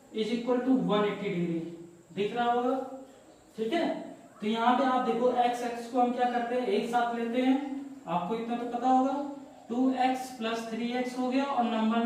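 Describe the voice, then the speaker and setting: A man's voice: very high voice, a little mellow, a little hiss or hum. Echoey, distant male maths teacher. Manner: explains step by step, often checks with "ठीक है?". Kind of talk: classroom maths lesson. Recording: echoey room, heard from a distance.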